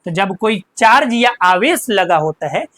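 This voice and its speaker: A woman teacher giving a chemistry lesson, who asks and answers her own questions and repeats key terms slowly. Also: medium pitch, expressive, a bit bright, no room sound.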